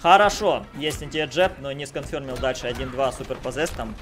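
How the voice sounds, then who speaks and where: A man's voice: medium pitch, steady tone, brisk, soft background music. A young man commentating a live fighting game tournament like an announcer, with exclamatory calls and gamer slang, close on a streaming mic at home. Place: small room at home, streaming.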